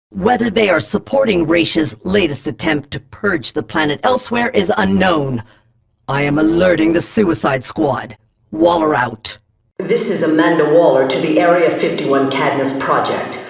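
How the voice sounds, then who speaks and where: Amanda Waller, cold commander. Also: female voice, lowish voice, gravelly. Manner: cold, clipped, authoritative, threatening. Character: stern, commanding female government agency chief. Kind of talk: video game voice lines.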